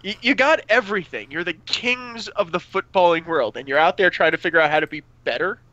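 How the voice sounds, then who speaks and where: A man's voice: sits high, brisk, bright, forceful tone, no room sound. An American man co-hosting a casual podcast, sarcastic and mock-indignant. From United States. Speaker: podcast co-host. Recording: dull, dry lo-fi sound.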